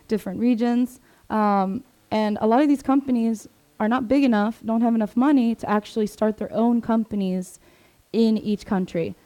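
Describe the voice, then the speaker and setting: This young woman in her 20s, from Sweden and raised in Maryland, USA, presents a loose, filler-heavy career talk to students in a classroom, chatting informally with many asides. Her warm voice is on the high side. Recorded on a 360 camera in the room, the audio has its highs cut off.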